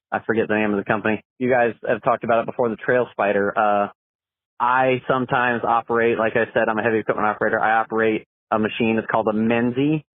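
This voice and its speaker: A man's voice: mid-range voice, no room sound. Male caller, American. Informal voicemail message over a narrow, tinny phone line, mid-range voice. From Florida, USA. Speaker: listener leaving a voicemail. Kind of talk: rambling casual voicemail message.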